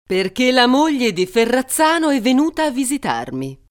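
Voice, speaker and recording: A shrill, haughty queen who shouts her words, as a man puts her on. The voice leaps high and swings widely in pitch, with a timbre far from his own. A storybook figure, acted with broad comic energy. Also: big pitch swings, normal speed, no room sound, studio quality.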